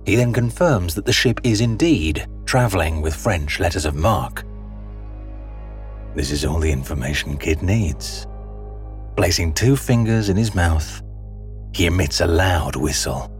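A man giving scripted, dramatic documentary narration in a measured storytelling manner. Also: deep voice, lively intonation, soft background music.

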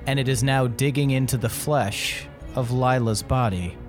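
A man narrating a tabletop role-playing game as game master, laying out scenes in deliberate, suspenseful short phrases. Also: medium pitch, fairly even intonation, soft background music.

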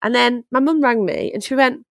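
A woman's voice: fairly high pitch, a little fast, gravelly, no room sound, studio quality. Blunt, chatty podcast woman, closely miked. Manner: blunt, sweary banter. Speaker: podcast co-host. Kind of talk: casual chat, telling anecdotes.

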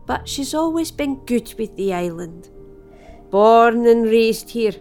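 A woman's voice: fairly high pitch, expressive, slow pace, a little mellow, faint music behind. A middle-aged woman with a broad Scottish accent playing a wry, teasing, motherly villager in an audio drama. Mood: wry, reassuring. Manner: dry, teasing, matter-of-fact.

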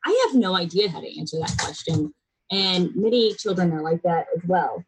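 Animated and at a normal speed, this middle-aged woman from the United States talks with a fairly low pitch, blunt and earnest, emphasizing her points in a serious conversational interview. She grew up in a military family abroad and in Florida, and the low-quality recording has a little hiss or hum.

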